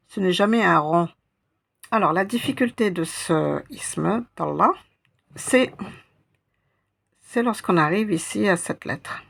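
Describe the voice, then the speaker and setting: Woman, language teacher, slow patient delivery, gravelly husky voice, lowish pitch. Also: a bit bright. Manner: patient, repeats sounds syllable by syllable. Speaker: Arabic teacher. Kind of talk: slow step-by-step lesson.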